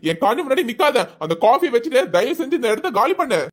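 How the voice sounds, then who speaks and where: A woman's voice: sits high, very animated, quick pace, husky, heavily acted. A woman voicing a scornful, harsh husband. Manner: scolding, scornful. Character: harsh husband, contemptuous and cold. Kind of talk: cartoon voice acting.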